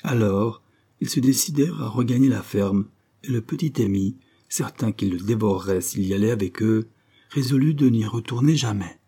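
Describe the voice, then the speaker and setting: A man narrating a classic fairy tale in a measured storytelling manner. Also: lowish voice, warm tone, slightly rough. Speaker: audiobook narrator. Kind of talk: scripted literary narration.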